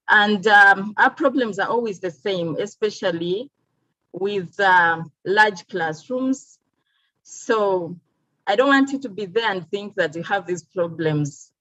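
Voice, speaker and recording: A woman from Uganda, a teacher and teacher trainer, giving a measured webinar presentation with frequent "um" pauses over a video call. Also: mid-range voice, a bit bright, no room sound. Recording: dull, dry video-call audio.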